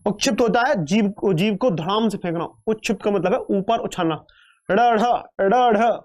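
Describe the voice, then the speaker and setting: This man's voice sits high, runs a little fast and is slightly mellow as he teaches grammar for exam prep online. A Hindi teacher, he's joking and talkative, addresses students as beta, and quizzes viewers by echoing terms back as questions.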